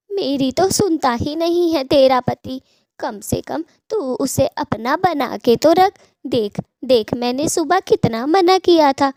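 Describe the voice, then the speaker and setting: A woman's voice: sits high, a little mellow, no room sound, studio quality, full character voice. A woman voicing a worried old mother in a cartoon story who pleads and fusses over her son. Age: older. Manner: pleading, fussing and complaining.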